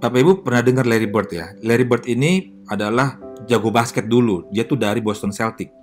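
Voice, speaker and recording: A man preaching a sermon as a pastor, chatty and lively, asking the audience questions and correcting himself often. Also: medium pitch, a little fast, soft background music. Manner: filler-heavy, self-correcting delivery.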